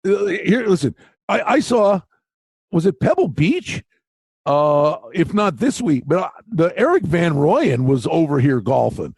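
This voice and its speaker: A man's voice: on the high side, big pitch swings, a little slow, darkish tone, slightly rough, no room sound. A man co-hosting a golf betting show, telling a story in casual chat, stammering and restarting, acting out the people he quotes.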